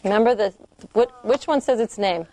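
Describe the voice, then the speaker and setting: A woman's voice: mid-range voice, normal speed, dark tone. A woman teaching a small group of children to read in a classroom, patiently asking questions and checking they follow. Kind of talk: classroom phonics lesson.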